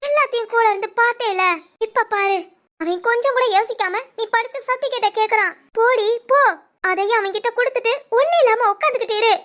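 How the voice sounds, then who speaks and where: A woman voicing a worried, scolding middle-aged village mother in an animated family drama, with a Tirunelveli Tamil accent. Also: extremely high pitch, brisk. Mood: bitter scolding. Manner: bitter, scolding.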